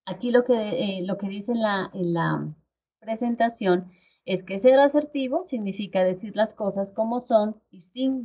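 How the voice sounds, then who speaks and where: A woman's voice: medium pitch, mellow. A woman teaching an online class, explaining step by step and often checking in with her listeners. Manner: explanatory, frequent check-ins with "¿sí?" and "¿cierto?". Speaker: instructor. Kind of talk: online video lecture. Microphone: video call.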